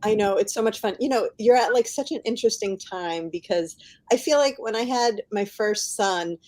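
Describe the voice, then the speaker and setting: A middle-aged novelist appears as a podcast guest, chatting casually in a medium-pitched, slightly mellow voice at normal speed. She is emphatic and encouraging and laughs often as she speaks.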